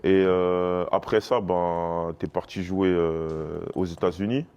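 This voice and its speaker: A man's voice: low-pitched, steady tone, slow pace, warm tone, smooth, highs cut off. A man interviewing a player casually, with long, rambling questions. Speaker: interviewer and scout.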